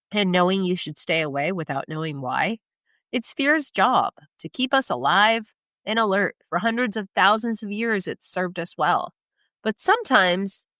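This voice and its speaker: A woman who hosts a career-coaching podcast delivers a scripted solo monologue, upbeat, motivational and emphatic, using rhetorical questions. Her mid-range, fairly bright voice is stuffy and nasal from a cold, recorded on a dry close mic with no room sound.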